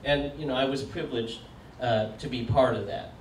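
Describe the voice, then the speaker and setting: A man in his sixties gives a relaxed, conversational public talk, joking and trailing off into fillers as he puts questions to the people listening. He is picked up from across an echoey room, with a faint hum of background noise beneath his mid-pitched voice. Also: moderate pace, far from the mic. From United States. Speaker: speaker. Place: community meeting room.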